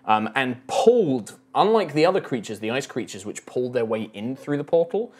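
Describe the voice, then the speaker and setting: Woman running a d&d game, really low voice but lively, lots of ums, faint music behind. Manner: descriptive, hesitant with fillers. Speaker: game master. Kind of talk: narrating a tabletop game.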